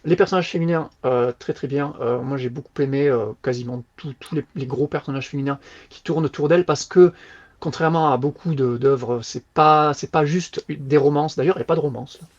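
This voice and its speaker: A man co-hosting a podcast, chatting casually as he reviews a novel in an animated, slangy, loose way. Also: mid-range voice, quick pace, highs cut off. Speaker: podcast co-host. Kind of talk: casual book review chat.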